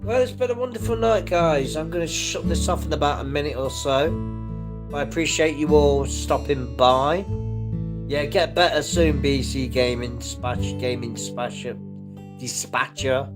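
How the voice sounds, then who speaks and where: With music playing behind him, a middle-aged man from the UK chats on a livestream while reading viewer comments. His mid-range voice is fairly even and measured, and he rambles reassuringly, restarting now and then.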